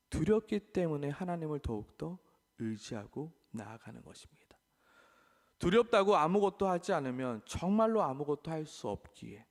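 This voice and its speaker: A man preaching a sermon as pastor, animated, acting out the voices he quotes. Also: mid-range voice. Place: living in Australia. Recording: long hall reverb.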